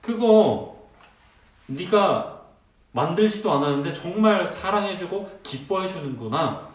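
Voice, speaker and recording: A man voicing God in a children's sermon, speaking in a gentle, questioning way. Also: high voice, expressive, unhurried. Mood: pleading. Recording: roomy and distant.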